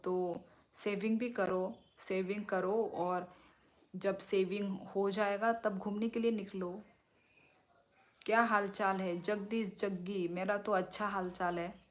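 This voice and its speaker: A young woman from Tripura chatting casually on a phone live stream at home at night, reading viewers' comments and talking softly so she won't disturb the neighbours. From Tripura, India. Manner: chatty, sways while talking, lowers voice to keep it down. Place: small room at home at night. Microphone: phone held or propped close.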